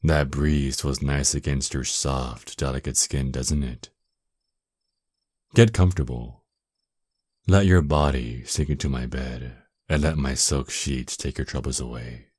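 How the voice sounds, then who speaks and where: A man acts out a dominant vampire lord in an intimate ASMR roleplay. His voice is exceptionally deep and slow, recorded close and dry. He is seductive and menacing, taunting with a possessive, mock-tender air. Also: steady tone, darkish tone, slightly rough, no room sound, exaggerated voice. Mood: softly menacing, seductive.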